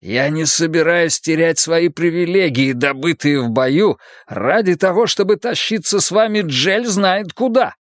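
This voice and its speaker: A man's voice: mid-range voice, animated, slow pace, no echo, clean studio sound. A man voicing a proud, angry young soldier held prisoner, speaking with a growling, indignant, raised voice.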